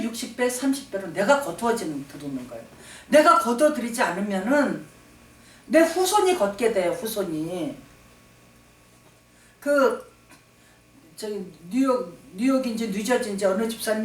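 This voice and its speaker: A woman pastor preaching emphatically, repeating phrases for stress and calling for amens. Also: medium pitch. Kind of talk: sermon. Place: church sanctuary. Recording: echoey hall, distant mic.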